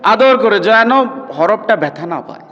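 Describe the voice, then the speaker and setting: In a classroom with students, a man with a high, expressive and fairly bright voice teaches recitation in a pronunciation lesson. He drawls demonstration sounds slowly and keeps checking that the class understands. The recording is dull and reverberant, like a hall.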